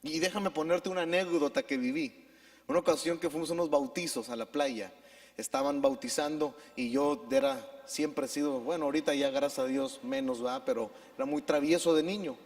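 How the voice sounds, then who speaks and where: A man with a Mexican accent, a pastor preaching a sermon and telling a story in an animated way, leading the congregation to repeat after him. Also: on the high side, a little fast, gravelly, in a large hall. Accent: Mexican Spanish. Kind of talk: preaching sermon with personal anecdote.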